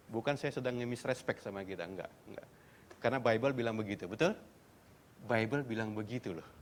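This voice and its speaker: A man preaching a sermon at a church service, animated, acting out quoted speakers and rising into high, loud exhortation. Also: a little hiss or hum. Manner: animated preaching, climbs to high-pitched loud exhortation, mixes English words; acts out imagined speakers in quoted lines. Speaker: pastor.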